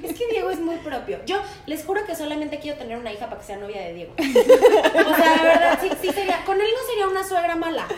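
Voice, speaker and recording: A woman with a Mexican accent co-hosting a casual chat, telling lively stories and acting out children's voices. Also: very high voice, fast talker, crowd noise. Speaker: podcast co-host. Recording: echoey room with faint noise.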